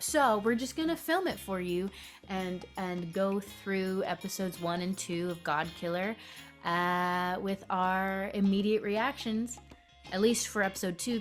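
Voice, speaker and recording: A woman hosting a podcast in casual, informal chat. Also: mid-range voice. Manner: informal, swearing freely. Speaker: podcast host.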